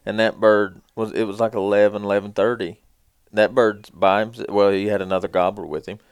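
A man's voice: lowish voice, flat delivery, fairly quick, clean tone, no echo, clean studio sound. A man telling casual hunting stories in folksy, colloquial speech as a podcast co-host.

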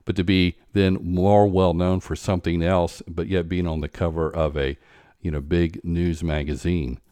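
A deep, low-pitched man hosts a conversation, speaking in a halting, stop-start way full of restarts and fillers. The sound is dry and close, with no room echo. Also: little pitch movement, dark tone. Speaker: podcast host. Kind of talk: conversational interview.

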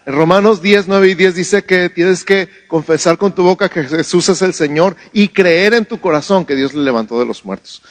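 A male pastor delivers a sermon in a lively, conversational way, often asking his listeners questions. His voice sits a little higher than most men's, and the sound is dry and close. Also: normal speed, hardly any pauses, dry recording. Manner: conversational, asks the congregation questions.

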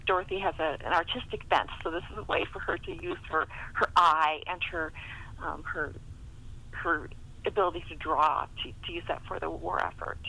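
Here a middle-aged guest author talks about writing in a relaxed interview, spinning animated anecdotes. Her lowish voice moves at a normal speed, though the audio quality is poor.

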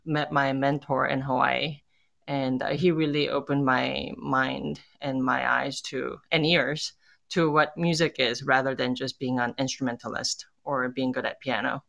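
A woman born in Korea, a tango musician, talking in a casual interview, thoughtful and pausing often with fillers and restarts. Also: extremely low pitch, fairly even intonation, gravelly, fairly bright tone.

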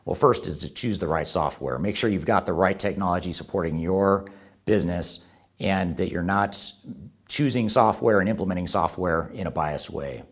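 Man, very deep voice, top ten countdown host, semi-scripted explainer, emphatic restating of key points. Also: moderate pace, husky. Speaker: YouTube host and presenter.

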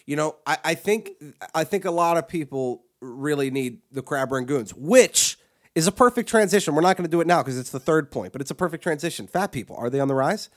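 A man's voice: on the high side, expressive, brisk. A man co-hosting a podcast, ranting crudely and profanely, with frequent restarts and repeated words. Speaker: podcast co-host. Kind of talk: crude comedic rant.

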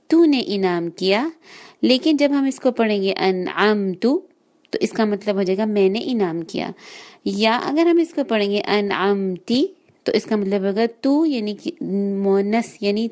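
A woman teaching a class on correct recitation. She talks patiently, draws out the example words slowly and often checks that her students follow. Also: mid-range voice, a little mellow. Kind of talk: online class lesson.

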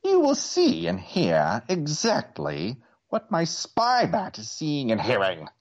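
A man's voice: a little high, huge pitch swings, takes it slowly, voice pushed up, exaggerated voice. A man voicing a sinister, bossy villain sorcerer barking at his minions in a children's storybook recording. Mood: scornful, commanding. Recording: dull lo-fi recording.

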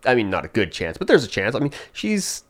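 A man's voice: mid-range voice, huge pitch swings, brisk, crowd noise. A man co-hosting a podcast who reacts to his friend's story with short, dry replies. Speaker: podcast co-host. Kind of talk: casual chat.

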